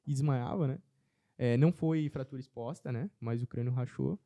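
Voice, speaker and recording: A man telling a personal faith testimony as a podcast guest in casual chat, earnest and animated. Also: medium pitch, normal speed, no room sound.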